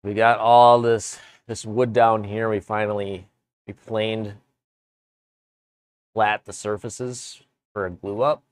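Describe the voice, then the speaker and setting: A man streaming live from his woodworking shop, chatting casually with viewers in a relaxed, rambling way. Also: on the low side, slow pace, long pauses, smooth, dry recording. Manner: relaxed, rambling, chats with viewers between tasks. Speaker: woodworking livestreamer. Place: home workshop.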